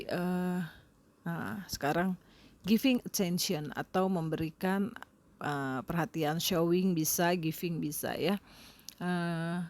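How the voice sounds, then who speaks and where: A woman English teacher talks through a lesson in a relaxed, casual way. She speaks very slowly in a fairly low voice. She often stops on hesitation fillers as she explains. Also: slight background noise. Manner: unhurried, with frequent hesitation fillers.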